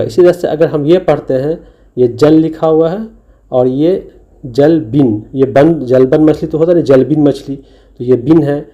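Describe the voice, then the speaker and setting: Over his slides, a man walks through Urdu letters, patiently voicing each letter and syllable in turn for a recorded lesson. He has a fairly high-pitched, warm voice, and the audio's highs are cut off.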